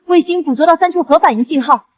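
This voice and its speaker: An actress playing an urgent, quick-witted young woman on an ocean team, calling out enemy sightings like tactical reports in a screen drama. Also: very high voice. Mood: urgent, alert.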